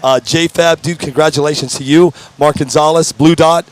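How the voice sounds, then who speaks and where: A talkative man hosts live interviews at a racing event. His voice sits a little high, and he talks in an eager, promotional way. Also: fairly even intonation, moderate pace. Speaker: host.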